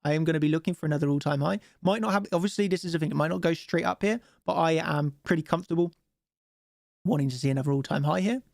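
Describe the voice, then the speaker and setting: A man with a cold and a blocked nose casually hosts a live trading stream, commenting on charts and asking viewers for likes. His voice sits a little high, slightly creaky and a bit mellow, and he talks fast. The recording is dry and studio-clean.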